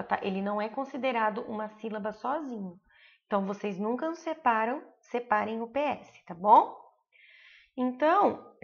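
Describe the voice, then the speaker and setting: Brazilian teacher woman, gravelly and lo-fi. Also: on the high side. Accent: Brazilian Portuguese. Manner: slow, drawn-out example words with frequent checks like "tá bom?". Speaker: primary school teacher. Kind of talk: online grammar lesson.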